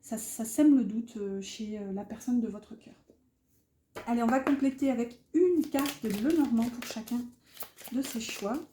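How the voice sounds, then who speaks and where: Her voice is a little high and unhurried, and there's noise in the background of the roomy, echoey recording. She's a tarot reader hosting online guidance, chatting through an improvised reading for viewers and often hunting for the right word.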